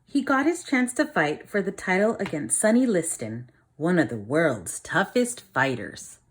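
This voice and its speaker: A woman with a lowish voice and big pitch swings reads a picture book to children as their teacher. Along the way she asks them questions and explains things in simple terms.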